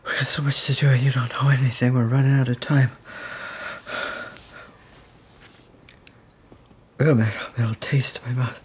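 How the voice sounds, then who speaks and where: An actor playing a man going through chemo who is eager to teach household repairs, explaining in a halting, patient way. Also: medium pitch, flat delivery, slightly rough. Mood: frantic.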